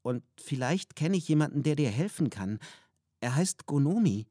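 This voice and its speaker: A man voicing a kind young female pirate who comforts a friend in a gentle, plain reading voice. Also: a little high, animated, normal speed, husky, dry recording, studio quality.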